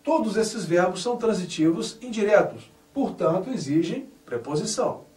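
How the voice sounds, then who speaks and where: A man's voice: sits high, lively intonation, normal speed, darkish tone. A man teaching a Portuguese grammar lesson, reading example sentences and stressing each correct form with care. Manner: spells out words carefully, stressing correct forms. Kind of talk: slow, deliberate grammar lesson. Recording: echoey room, voice somewhat far from mic.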